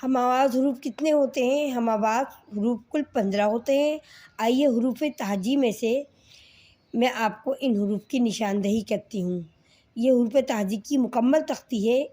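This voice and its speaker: A woman with a Pakistani accent gives a reading lesson to children. Her voice sits high and bright, and she speaks slowly, drawing out each letter sound and often asking whether the class has understood. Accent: Pakistani Urdu. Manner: slow, patient, repeats sounds and asks "okay children?". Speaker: Quran reading teacher.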